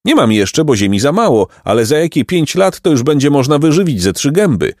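A man doing a hearty, high-pitched peasant. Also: very animated, a little fast, a little mellow, no room sound, studio quality. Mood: cheerful. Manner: hearty, laughing, simple-hearted. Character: cheerful good-natured peasant man.

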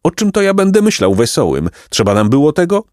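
A man's voice: fairly high pitch, huge pitch swings, fairly quick, darkish tone, no room sound, studio quality, voice pushed up. A man doing a frightened young boy. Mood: anxious. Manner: fearful, fretful. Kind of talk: audiobook character voice.

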